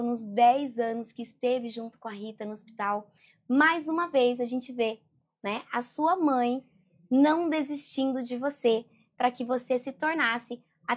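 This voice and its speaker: A Brazilian woman hosts an interview in a fairly high voice. She reflects gently on what her guest has shared. Then she moves on to her questions. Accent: Brazilian Portuguese. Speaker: host. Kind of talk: interview hosting.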